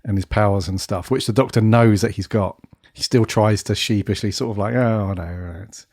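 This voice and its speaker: A man co-hosting a podcast, talking in a relaxed, slangy way. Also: fairly low pitch, fairly quick, slightly rough, dry recording, clean studio sound. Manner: laid-back, chuckling, slangy. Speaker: podcast co-host. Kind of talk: casual chat.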